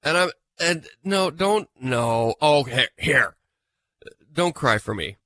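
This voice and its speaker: A man's voice: on the high side, lively intonation, slow, bright, forceful tone, no room sound. A man filling in as host of a live farm radio show, sounding nasal from a cold and talking in a chatty, self-mocking way.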